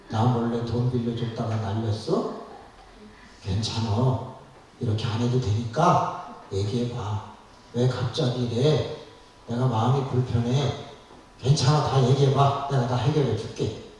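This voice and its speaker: A man playing a gruff, bewildered middle-aged husband, talking in a rough, bossy voice. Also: medium pitch, fairly even intonation, slow pace, pauses often, darkish tone, a little hiss or hum, close to an everyday voice. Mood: baffled. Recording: echoey church hall from far off.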